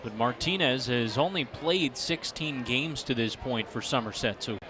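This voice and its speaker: A man's voice: mid-range voice, moderate pace. American baseball announcer, man, over crowd noise. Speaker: baseball radio play-by-play announcer. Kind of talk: live baseball play-by-play and sponsor reads. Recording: live ballpark broadcast, loud crowd noise. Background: crowd and outdoor ballpark ambience.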